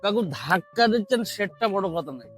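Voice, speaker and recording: A man's voice: high voice, big pitch swings, brisk, over loud music. A man playing a scheming village town drunk in a comedy skit, cursing and rambling pushily. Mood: cheeky pleading. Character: brash, scheming village town drunk begging booze money. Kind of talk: broad comedy skit acting.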